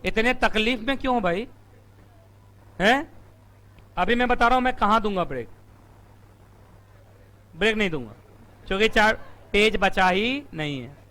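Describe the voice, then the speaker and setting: A man teaches company law to a live classroom through a room mic. His voice is high and bright. He fires quick questions at the students, answers them himself, and sounds strained from shouting.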